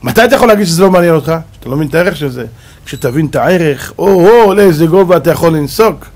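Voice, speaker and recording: A man, a rabbi, giving a dramatic sermon, firing rhetorical questions and swinging from loud exclamations to low asides. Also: animated. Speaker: rabbi giving a Torah lesson. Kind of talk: animated sermon.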